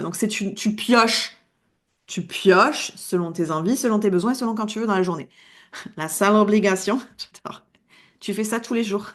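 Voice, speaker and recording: A woman with an accent in French, a coach giving a casual, lively video lesson and laughing at herself as she talks. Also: lowish voice. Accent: non-standard French accent. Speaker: wellness coach.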